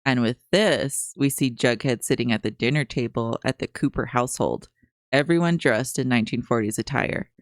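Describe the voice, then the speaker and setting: A podcast co-host reads TV recap notes in a tongue-in-cheek newscaster style, then slips back into casual chat. The voice sits at a middle pitch. It is recorded close and dry, with no room sound. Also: moderate pace, no echo.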